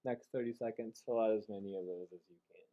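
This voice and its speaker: A man teaching a math class, joking with students and then giving brisk, directive instructions. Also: fairly low pitch, fairly even intonation, muffled recording.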